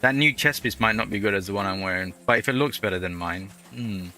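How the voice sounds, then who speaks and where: A man's voice: lowish voice, quick pace, bright, forceful tone. A man hosting a let's play, giving casual gameplay commentary that rambles into chatty, jokey storytelling.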